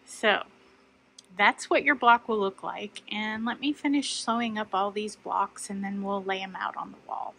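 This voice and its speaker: A woman's voice: mid-range voice, steady tone, moderate pace, gravelly, a bit bright, breathy edge, low-quality recording. A woman hosting a quilting tutorial, chatting and thinking aloud as she measures and cuts fabric at her sewing table. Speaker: quilting channel host. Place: sewing room at a cutting table.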